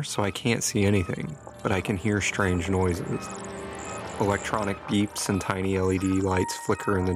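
A man narrating a first-person scripted horror story in a steady, suspenseful way. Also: low-pitched. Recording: music bed behind narration.

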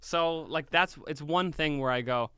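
A young man telling a story in casual chat, animated and swearing freely. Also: on the high side, a little slow, clean tone. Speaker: podcast guest.

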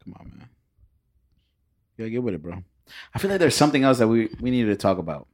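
A man's voice: mid-range voice, expressive, fast talker, a little mellow, no room sound, studio quality. A man co-hosting a podcast, talking offhand and slangy with frequent swearing. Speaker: podcast co-host. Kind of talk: casual chat.

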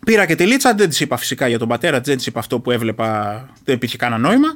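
A middle-aged man from Greece, an interview guest who served as a reserve commando, earnestly retelling a personal experience with halting restarts. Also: mid-range voice, very animated, fairly bright tone.

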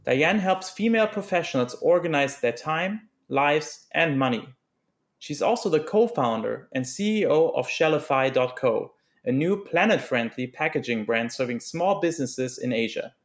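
A man's voice: on the high side, animated, moderate pace, faint music behind. A man hosting a personal finance podcast, interviewing a guest with frequent ums and uhs. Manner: hesitant, many fillers. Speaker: podcast host.

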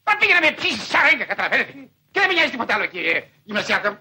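An actor playing a flustered, indignant male schoolteacher in an old film comedy, shrill and pleading. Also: big pitch swings, pushed and bright, husky, exaggerated voice. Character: flustered indignant male schoolteacher, fussing over burnt suit. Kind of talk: 1950s Greek film comedy acting.

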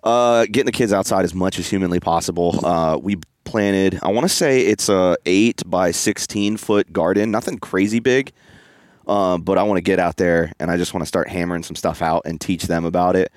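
Low-voiced man telling stories in casual chat. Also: moderate pace, dry recording, studio quality. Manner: animated storyteller, slips into funny voices for people he quotes.

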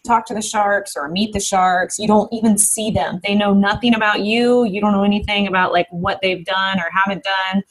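A woman business founder talking casually as an interview guest, animated and quick, with many fillers. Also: medium pitch, poor audio.

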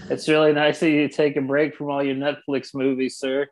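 A man's voice: mid-range voice, flat delivery, brisk, rough recording. A man hosting a comedy podcast over a video call, bantering in a dry, mock-serious way. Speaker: podcast host. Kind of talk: casual comedic podcast chat.

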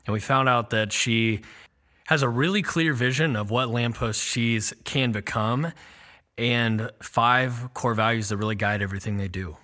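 A man hosts a casual interview, setting up the conversation with curious enthusiasm. His voice is mid-pitched with a bright tone. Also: steady tone, moderate pace. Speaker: podcast host.

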